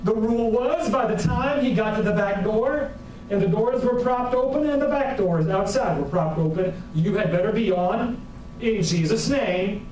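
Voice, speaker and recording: Ein Pastor in seinen Vierzigern predigt lebhaft und humorvoll. Seine Stimme ist für einen Mann hoch, aufgenommen aus der Ferne in einem stark hallenden Kirchensaal. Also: male voice, sits high, normal speed, a little hiss or hum. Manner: folksy, humorous, animated preaching. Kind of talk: sermon with storytelling. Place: church sanctuary with a congregation. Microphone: far camera at the back of the room. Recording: very echoey church hall from far off.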